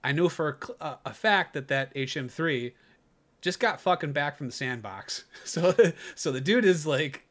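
A young man who is a former Navy corpsman, telling a war story in casual podcast chat, profane and animated, laughing through his punchlines. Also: fairly high pitch, moderate pace.

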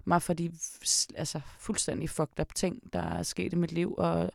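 Young woman host, gravelly, dry close sound, blunt sarcastic chatter. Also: on the low side, little pitch movement, a little mellow, dry recording. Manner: frank, sarcastic, swears often. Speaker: podcast host. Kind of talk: casual chat.

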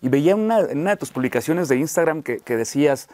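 A man's voice: on the high side, lively intonation, quick pace, darkish tone, no echo. Supportive male host, dry close sound. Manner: supportive, short affirmations. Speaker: interview host. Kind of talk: casual conversational interview.

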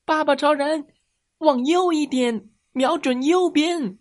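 A woman voicing an eager, easily upset young boy in a children's storybook, with a high, childlike voice. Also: unhurried, lightly acted.

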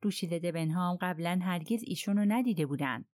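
A curt, stiff English army colonel who answers in short, cold sentences, as a woman reading a detective novel voices him. The voice sits a little low, and the recording is dry and close. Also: a little mellow, dry recording, lightly acted.

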